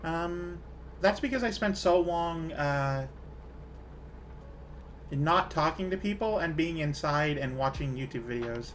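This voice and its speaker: A woman's voice: sits low, animated, slow, long pauses, a little hiss or hum. A woman with a Canadian accent, chatting casually with her viewers while gaming, rambling with fillers and small laughs. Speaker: streamer.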